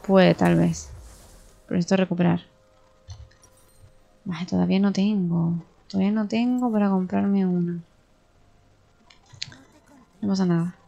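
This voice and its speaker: A young woman with a Spain Spanish accent commentating her own gameplay, excitable, swearing and talking to herself as she plays. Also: medium pitch, a little slow, creaky, long pauses, dull audio. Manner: excitable, swears and talks to herself while playing. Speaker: gaming streamer.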